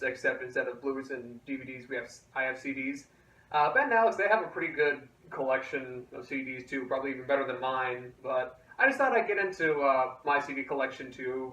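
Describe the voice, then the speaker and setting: A man's voice: mid-range voice, bright, forceful tone. A young man chatting casually and loosely to camera as the host of a vlog, rambling as he goes. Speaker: host of a music collection video series. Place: echoey indoor room. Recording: very echoey room, distant mic.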